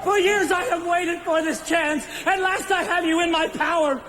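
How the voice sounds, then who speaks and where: An actor playing a greedy, menacing villain in an old-fashioned stage melodrama, recorded live in a theater. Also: male voice, very high-pitched, steady tone, normal speed, noisy background. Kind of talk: stage musical, play-within-a-play.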